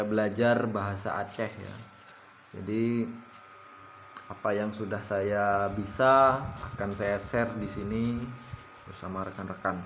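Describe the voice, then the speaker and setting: A man from South Sumatra in Indonesia talks through a casual language lesson at a slow, halting pace, leaning on fillers and repeating himself. His voice sits in an ordinary middle pitch and lifts sharply whenever he sounds out an example phrase. A faint hiss of room ambience stays under him. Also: a bit bright. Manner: apologetic, pitches up sharply when saying example words. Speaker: language-learning vlogger. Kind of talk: casual teaching monologue.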